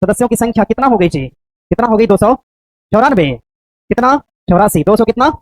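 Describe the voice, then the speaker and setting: A woman teacher drills her students for an exam, firing and repeating short questions at a brisk pace. Her voice sits a little high, and the sound is dry and close, with no room echo. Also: expressive, darkish tone. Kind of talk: classroom exam coaching.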